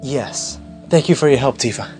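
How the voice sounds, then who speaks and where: A man voicing a shy, awkward teenage boy who speaks hesitantly, with pauses, in a fan audio drama. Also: mid-range voice, over music, lightly acted. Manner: hesitant, halting.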